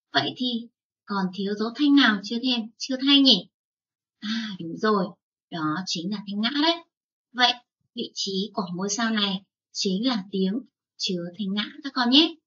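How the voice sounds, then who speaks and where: A woman teaching young children, spelling out sounds slowly and drawing out each syllable. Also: fairly high pitch, a bit bright, far from the mic, dull audio. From Vietnam. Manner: slow, drawn-out spelling aloud. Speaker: first-grade teacher.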